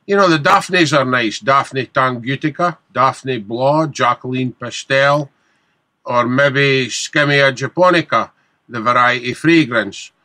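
A Scottish-accented man sharing practical gardening advice informally. His voice is bright and forceful at a middling pitch. It is recorded dry and close. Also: slow, dry recording. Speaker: head gardener giving advice.

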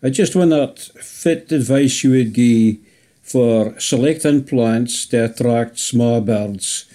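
A man's voice: mid-range voice, takes it slowly, dark tone. A man with a Scottish accent asking a question as a radio listener in a recorded message. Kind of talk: unhurried spoken question.

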